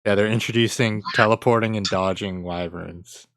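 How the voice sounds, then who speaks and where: A man with a low voice hosts a casual gaming podcast. He chats in an easygoing way, close and dry on the mic. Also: fairly even intonation, normal speed, a bit bright, no room sound. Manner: easygoing, wraps up the show. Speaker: podcast host. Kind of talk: casual chat.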